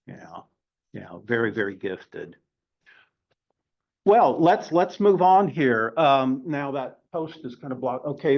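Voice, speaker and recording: Halting older man lecturing a class. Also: medium pitch. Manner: halting, many filler sounds. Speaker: class teacher. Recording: dull lo-fi recording.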